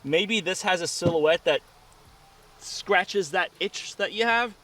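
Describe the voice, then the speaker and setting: A man's voice: high-pitched, slow pace, pushed and bright. A man hosting a casual firearms review, talking outdoors at a range. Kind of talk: casual chat, gun review. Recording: distant mic, faint outdoor noise.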